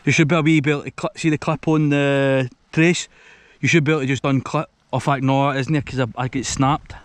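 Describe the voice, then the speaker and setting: A young Scottish man giving excited commentary while landing a fish at a lakeside, repeating himself and swearing when thrilled. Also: mid-range voice, a little fast. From Scotland. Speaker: angler filming a fishing trip. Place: lakeside outdoors.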